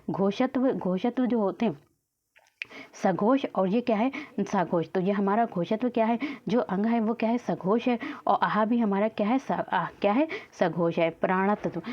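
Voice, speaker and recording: Female teacher, classroom grammar lesson, patient and repetitive, mid pitch, muffled lo-fi audio. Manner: asks and answers her own questions. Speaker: Hindi teacher. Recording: dull lo-fi audio.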